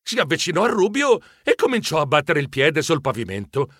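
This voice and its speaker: A man narrating a children's story in the first person, with animated, expressive delivery. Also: a little high, a little fast, dry recording, studio quality. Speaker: audiobook narrator.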